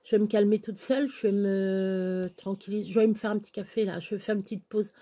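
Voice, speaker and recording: A woman's voice: mid-range voice, steady tone, a little fast, mellow. A middle-aged woman vlogging at home, chatting casually to her viewers in a rambling, exasperated way while moving around. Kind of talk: casual chat to camera.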